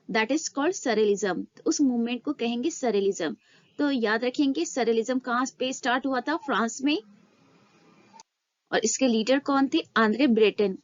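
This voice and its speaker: A woman teaching a literature lesson for exam students, fairly high-pitched and very unhurried. She poses a question and then answers it herself, dwelling on the English terms. The sound is dry and a little dull. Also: no echo. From India.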